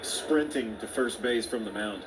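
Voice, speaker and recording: A man's voice: fairly low pitch, a little slow, noisy background. A man doing baseball color commentary, talking through plays in a conversational, explaining way. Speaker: color analyst. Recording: broadcast with clear ballpark ambience.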